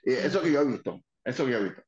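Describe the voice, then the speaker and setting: An older man, a former wrestling manager telling lively stories and slipping English phrases into his talk. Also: medium pitch, racing. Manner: lively, mixes in English phrases, many restarts. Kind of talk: animated anecdote telling. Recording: dull, roomy recording.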